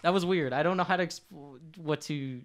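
A young man with a fairly high voice speaks a little fast as a co-host of a casual podcast, telling a rambling story full of fillers, asides and laughs.

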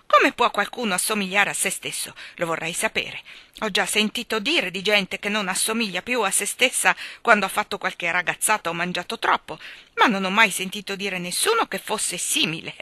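A woman voicing a touchy, indignant little egg-shaped man who shouts his complaints. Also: medium pitch, moderate pace, no echo. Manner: shouting, huffy.

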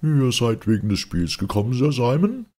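Man voicing a sarcastic agitated gentleman, loud raised voice, husky gravelly tone, audiobook reading. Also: on the low side, very animated, moderate pace, voice pushed up, exaggerated voice. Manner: agitated, sarcastic, raising his voice.

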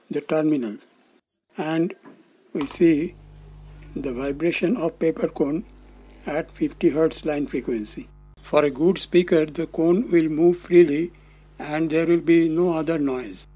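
An electronics instructor in his sixties delivers scripted teaching narration, measured and formally explanatory. The voice runs on the high side, steady, mellow, and slightly rough.

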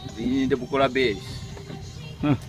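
A man giving excited, chatty commentary on his catch from a small open boat, filmed on a handheld phone. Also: medium pitch, moderate pace, music in the background, low-quality recording. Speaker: angler filming his fishing trip. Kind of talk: casual running commentary.

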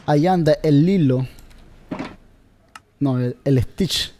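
A man's voice: fairly high pitch, slow pace, warm tone, slight background noise. A man giving casual gameplay commentary, talking straight to his viewers and searching aloud for words. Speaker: gameplay video creator.

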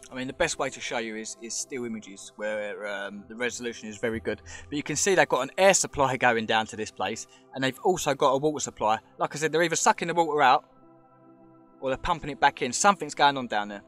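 With faint music behind him, a man vlogging in a show cave talks fast at medium pitch, his tone a bit bright. Filming handheld underground, he rambles chattily, guessing about things and pointing them out.

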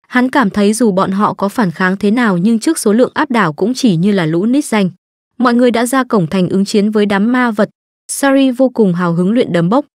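A woman narrating an anime story recap from a script, brisk and lightly joking. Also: mid-range voice, darkish tone, no room sound, clean studio sound.

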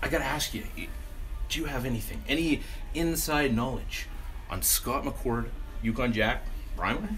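A man's voice: medium pitch, normal speed, a bit bright. A man in his thirties hosting a comedic mock-report interview. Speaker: host. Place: small indoor studio in front of a banner.

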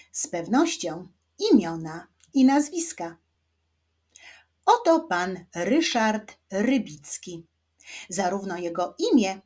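A woman with a Polish accent teaching children to read, sounding out each syllable clearly. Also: mid-range voice, a little mellow. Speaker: reading teacher. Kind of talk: children's reading lesson.

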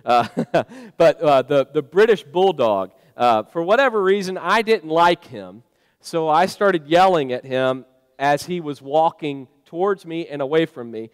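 Man preaching a casual sermon, smooth voice. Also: fairly high pitch, animated, measured pace. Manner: conversational storytelling with fillers. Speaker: pastor. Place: church sanctuary. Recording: long church reverb.

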